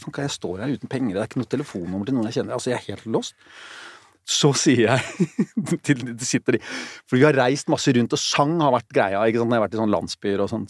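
A man chatting as a guest, telling a story with lively acted-out voices and sudden shouts. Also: medium pitch, slightly rough, no room sound, studio quality. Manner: animated, acts out voices and shouts in his stories. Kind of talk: casual podcast chat, lively storytelling.

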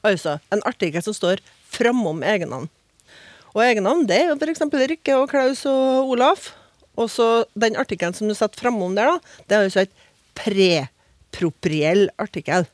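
A woman's voice: fairly high pitch, expressive, no echo. A woman on a radio language panel, patiently explaining grammar with examples and tag questions, recorded in a studio.

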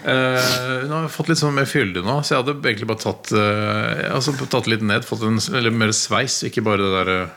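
A man's voice: fairly low pitch, hardly any pauses, sharp tone, a little hiss or hum. A man chatting as a guest, telling stories in a rambling way with lots of hesitations. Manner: rambling storyteller, many hesitations. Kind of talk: casual chat.

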